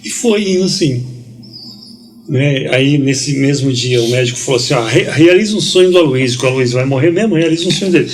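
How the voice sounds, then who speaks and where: Man telling a lively slangy story. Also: medium pitch, a little fast, faint music behind. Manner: lively storyteller, slangy, quotes people in dialogue. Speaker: guest. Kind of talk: casual storytelling.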